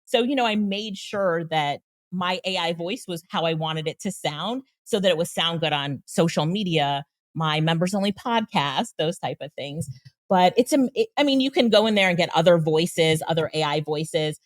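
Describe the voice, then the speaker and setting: On a casual interview show, a guest who trains and consults on AI describes tools eagerly and laughs a lot. Her lowish voice is animated and moves at a normal speed. The recording is dry.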